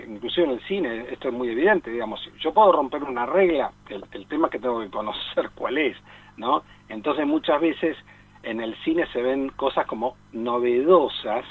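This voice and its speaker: Over narrow, tinny audio, a man with an Argentine Spanish accent speaks at medium pitch with a husky voice. He's a film columnist on a radio show team, and his chatty commentary wanders, stalls, and keeps seeking agreement through tag questions.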